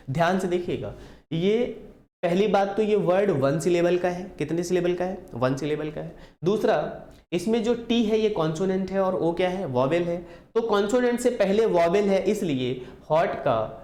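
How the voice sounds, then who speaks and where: A man's voice: on the high side, mellow. Echoey male grammar teacher. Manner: repeats key answers as call-and-response questions. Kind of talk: classroom grammar lecture.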